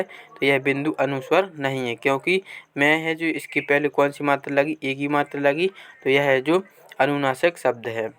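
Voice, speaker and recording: A man teaching a Hindi grammar lesson from a workbook, reading passages aloud slowly and answering his own questions as he goes. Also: medium pitch, a bit bright, clear, resonant tone.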